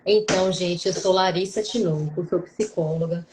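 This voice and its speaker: A woman's voice: on the low side, fairly even intonation, moderate pace, a little mellow, slight background noise. A woman psychologist from Salvador with a Bahian accent, talking earnestly and reflectively in a live stream conversation. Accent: Bahian Brazilian Portuguese. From Salvador, Bahia, Brazil. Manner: earnest, reflective, speaks in long runs with restarts. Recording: roomy echo.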